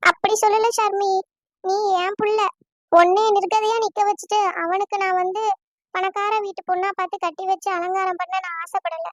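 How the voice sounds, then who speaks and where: A woman doing a high-voiced remorseful aunt. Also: level tone, normal speed, no room sound. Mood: regretful. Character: calm remorseful middle-aged aunt. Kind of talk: cartoon voice acting.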